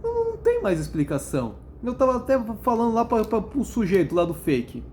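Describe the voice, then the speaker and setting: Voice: huge pitch swings, fairly quick, darkish tone, slight background noise. Blunt, profane vlogger ranting to camera. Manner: profane, blunt, slangy storytelling; laughs at own stories, jumps up in pitch for emphasis. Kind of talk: casual rant to camera.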